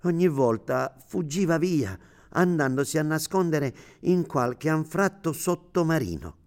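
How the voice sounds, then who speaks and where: A man narrating a fairy tale in a slow, deliberate storytelling manner. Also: fairly high pitch, lively intonation, a little mellow.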